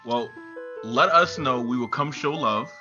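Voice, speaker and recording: A man hosting a podcast, energetic and joking as he wraps up an interview. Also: medium pitch, measured pace, muffled recording, music in the background. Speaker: podcast host. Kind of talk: casual podcast chat.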